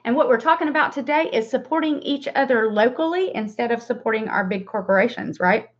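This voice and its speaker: A little fast and on the high side, a woman in her forties with a Southern US drawl chats her way through a makeup tutorial livestream. Host of the beauty stream and a makeup seller, she rambles casually with self-deprecating asides over a dull, lo-fi webcam.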